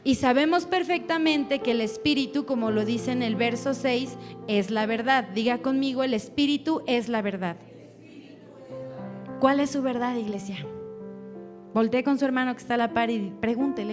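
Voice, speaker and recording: A woman preaching a sermon in a church service, exhorting the congregation and asking them to repeat after her. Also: a little high. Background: instrumental music playing under her voice.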